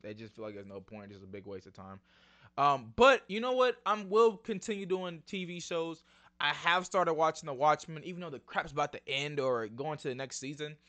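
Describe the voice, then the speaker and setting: A young man hosting his own video channel, breaking down a TV trailer in casual slangy chat and often calling out to his viewers. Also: on the high side. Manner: excitable, slangy, addresses viewers as y'all. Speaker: YouTube channel host.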